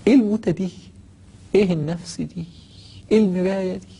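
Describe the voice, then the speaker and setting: A male preacher with an Egyptian Arabic accent, giving an emotional storytelling sermon that swings between hushed and exclaiming. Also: high voice, fast, vocal fry, husky.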